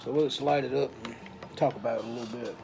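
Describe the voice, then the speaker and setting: A man giving a casual review in an unhurried, folksy way, pausing between short phrases. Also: medium pitch, steady tone, vocal fry, music in the background. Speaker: pipe tobacco reviewer. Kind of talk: casual product review talk.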